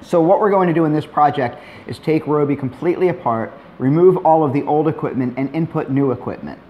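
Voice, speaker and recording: A middle-aged man narrating a hands-on tutorial in a relaxed, plainspoken way, with dry asides. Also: on the high side, fairly quick, lo-fi sound, a little hiss or hum. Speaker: maker demonstrating a robot build.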